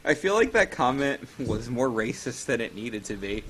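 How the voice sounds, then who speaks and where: A man's voice: mid-range voice, very animated, moderate pace, fairly bright tone, a little hiss or hum. A man co-hosting a casual podcast chat, sarcastic and opinionated. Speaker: podcast co-host.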